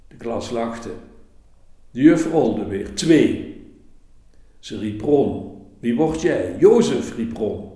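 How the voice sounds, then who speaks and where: A man preaches with a slow, solemn, measured voice of mellow, darker tone. His words hang in the long echo of a very reverberant church hall, as if he stood at the pulpit. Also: lowish voice. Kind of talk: sermon and children's story.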